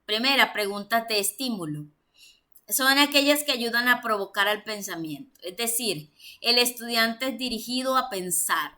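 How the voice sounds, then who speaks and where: A woman's voice: a little high, bright, forceful tone. A woman with a Colombian Spanish accent teaching a church lesson, reading points aloud and then explaining them with fillers.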